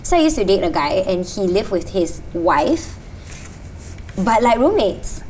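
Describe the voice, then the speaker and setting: A woman's voice: medium pitch, big pitch swings, measured pace, darkish tone, far from the mic, slight background noise. A woman chatting casually as a panelist and sharing anecdotes.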